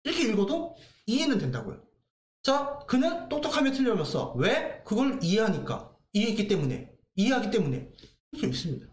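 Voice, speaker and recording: Man, grammar teacher, high voice, echoey room. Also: fairly quick. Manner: lively, asks and answers his own questions. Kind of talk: lively lecture.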